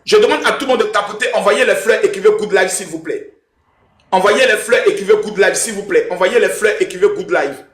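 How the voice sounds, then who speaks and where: A young man hosting a live stream, emphatic and loud, who keeps chanting calls to his viewers. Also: high-pitched, a little fast, reverberant. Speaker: livestream host. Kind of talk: hyped live-stream talk.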